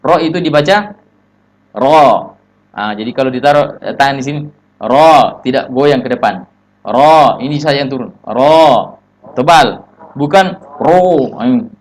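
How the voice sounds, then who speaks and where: A man's voice: mid-range voice, expressive. Indonesian man teaching Quran recitation. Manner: explains in short phrases, breaks into slow chanted recitation. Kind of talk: religious tajwid lesson with recited examples.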